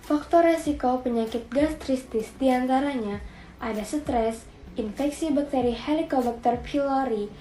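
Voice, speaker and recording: A woman's voice: sits high, a little slow, dark tone, roomy sound, rough recording. A young woman from Indonesia reading a list of risk factors in a plain way. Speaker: student presenter.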